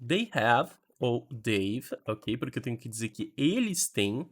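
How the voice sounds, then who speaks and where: A man with a Brazilian Portuguese accent giving an animated online grammar lesson as an English teacher, drilling sentences slowly between quick explanations. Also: medium pitch, slightly rough.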